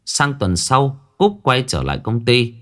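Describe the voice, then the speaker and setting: A man's voice: medium pitch, big pitch swings, measured pace, a bit bright. A man reading a ghost story aloud as scripted narration.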